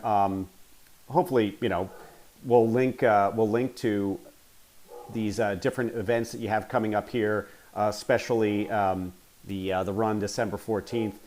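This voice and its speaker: A man's voice: on the low side, fairly even intonation, moderate pace, darkish tone, slight background noise. A man hosting an amateur podcast, talking in an easygoing way with fillers. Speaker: podcast host. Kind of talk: casual podcast interview.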